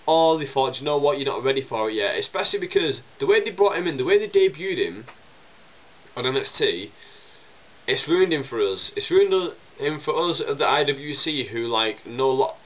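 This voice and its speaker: Heard on dull audio, this young man speaks at normal speed in a medium-pitched voice with lively intonation. He rambles casually through his vlog viewers' questions, chatty and full of fillers and restarts, coughing and sniffling from a chesty cold.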